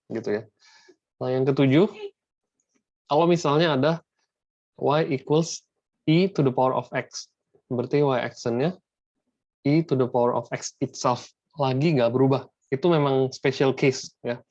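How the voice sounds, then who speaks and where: A man's voice: mid-range voice, measured pace, long pauses, a little mellow, no room sound. A man tutoring math in a casual online lesson, slangy and dropping English math terms into his talk. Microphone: video call. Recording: dull lo-fi video call audio.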